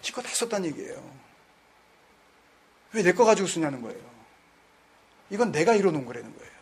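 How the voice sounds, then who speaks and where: A man's voice: high voice, sing-song, a little fast, husky. A man teaching a Bible study in a conversational way, mixing in English words and keeping his listeners answering his questions. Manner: keeps quizzing his listeners.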